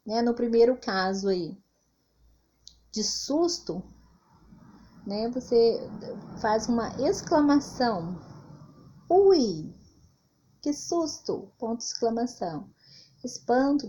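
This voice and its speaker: A Brazilian woman teacher explains punctuation slowly and clearly, acting out short example sentences for children. Her voice sits a little high with a mellow, warm tone. The recording is dull and lo-fi, like a simple home setup. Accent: Brazilian Portuguese. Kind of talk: scripted literacy lesson for children.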